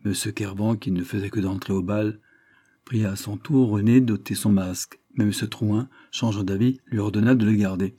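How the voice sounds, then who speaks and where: A man narrating a historical novel in measured, even storytelling. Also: fairly low pitch. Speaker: audiobook narrator.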